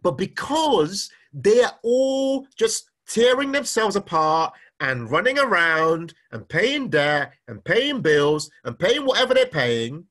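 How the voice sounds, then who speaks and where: A man's voice: high voice, slow, few pauses. A middle-aged man giving a live-streamed talk on personal finance, reading out viewers' comments and firing questions at them with lots of repetition. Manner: energetic, repeats questions, reads comments aloud. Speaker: finance speaker.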